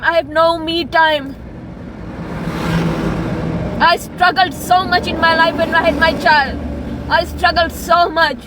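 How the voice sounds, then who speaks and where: A woman's voice: extremely high pitch, background noise. A woman in her thirties speaking into her phone in a raw, pleading confessional monologue, repeating phrases for emphasis and slipping into Hindi. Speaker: vlogger.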